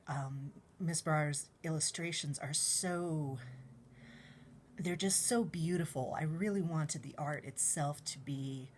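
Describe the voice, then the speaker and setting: Soft-spoken low-voiced young woman. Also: a little hiss or hum. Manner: soft-spoken, often trails into whispers, many ums. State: out of breath. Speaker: tarot deck reviewer. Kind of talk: casual deck walkthrough.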